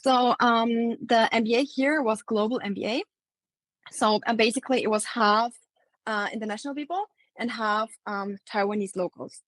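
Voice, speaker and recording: A woman's voice: fairly high pitch, normal speed, dry recording, low-quality recording. A young woman from Austria, a marketing agency founder, speaking English as a guest in a casual interview, with plenty of ums and likes. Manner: relaxed, many fillers like um and like.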